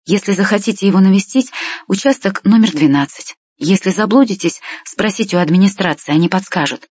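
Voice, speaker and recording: A woman's voice: mid-range voice, a little fast, a little mellow, husky, dry recording, natural voice. A woman voicing a polite, apologetic middle-aged man who explains things plainly. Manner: apologetic, matter-of-fact. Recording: dull, dry lo-fi recording.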